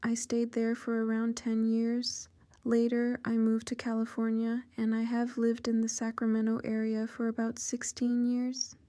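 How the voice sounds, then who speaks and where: A Ukrainian-accented woman in her fifties, answering interview questions about her life in measured, careful sentences. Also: on the high side, completely flat delivery, warm tone, clear, resonant tone, dry recording. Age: 50s. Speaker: interview guest. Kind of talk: oral history interview.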